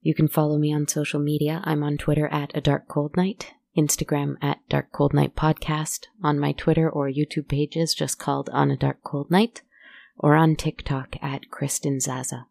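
A woman with a husky, creaky voice, speaking as host of a horror podcast in a measured, intimate scripted address to listeners. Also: low voice, level tone, darkish tone, no echo.

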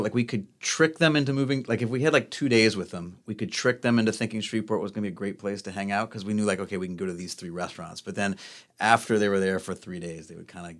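Deep-voiced man chatting loosely. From New Orleans, USA. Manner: relaxed, rambling with many fillers. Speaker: puppetry company director. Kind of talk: casual podcast interview.

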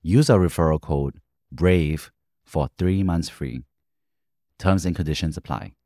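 Deep male announcer for a crisp, dry promo read. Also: unhurried, warm tone, no room sound. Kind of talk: read advertisement.

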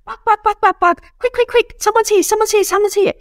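A woman doing an excitable little yappy dog, shrill and frantic, dry close sound. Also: fairly quick, no room sound. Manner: frantic, repetitive alarm.

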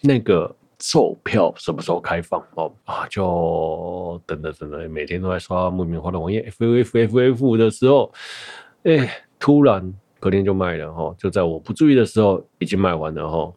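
A man's voice: low-pitched, moderate pace, a little mellow, no echo. A man in his thirties hosting a podcast, chatting casually on his own and telling a story in a rambling way, often correcting himself. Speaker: podcast host. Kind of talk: casual solo chat.

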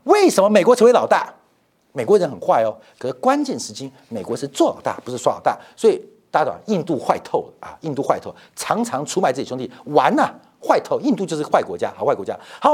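A man's voice: fairly high pitch, huge pitch swings, quick pace, a little mellow, breathy edge. A middle-aged man hosting a financial commentary show, emphatic and rhetorical, repeating phrases to drive points home.

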